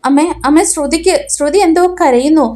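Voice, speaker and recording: A worried young woman from a television serial, anxiously asking what has happened, as a woman retelling the scene puts her on. The voice rides high. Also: a little fast, a little mellow, lightly acted. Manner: anxious questioning. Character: worried young woman questioning a family member.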